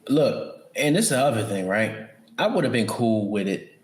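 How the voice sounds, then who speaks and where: A man's voice: lowish voice, big pitch swings, normal speed, reverberant. A man co-hosting a podcast, talking wrestling in an emphatic, slangy way. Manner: slangy, emphatic, says bro a lot. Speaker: podcast co-host. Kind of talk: casual wrestling chat.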